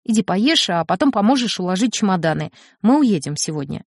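A woman's voice: medium pitch, very animated, a little fast, darkish tone, no room sound. A dry, stern mother, as a woman reader puts her on. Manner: dry, clipped, commanding. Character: stern, cold middle-aged mother. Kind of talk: audiobook character reading.

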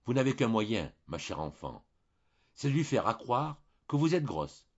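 A man voicing a shrewd, curious old country priest who gives calm, authoritative advice. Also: medium pitch, a little slow, husky, dull audio, exaggerated voice. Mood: calm advising.

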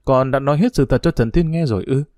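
A man voicing a caring middle-aged mother who reassures her daughter, gentle but firm. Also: medium pitch, fast talker, dry recording, studio quality, natural voice.

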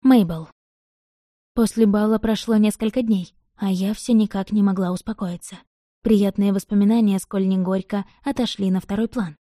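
An audiobook narrator, a woman with a mid-range voice, reads a first-person novel in an even, measured storytelling style. The recording is dry and has clean studio sound.

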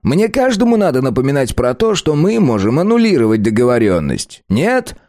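A man's voice: mid-range voice, sing-song, normal speed, mellow, dry recording, clean studio sound, voice pushed up. A man voicing a stern, sarcastic male administrator who snaps out his rulings. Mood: curt, sarcastic. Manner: snapping, sarcastic.

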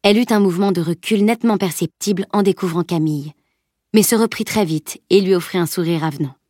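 A woman narrating a youth novel audiobook in a calm, even storytelling manner. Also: fairly low pitch, quick pace, no room sound. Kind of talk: scripted narration. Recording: dry close audiobook recording.

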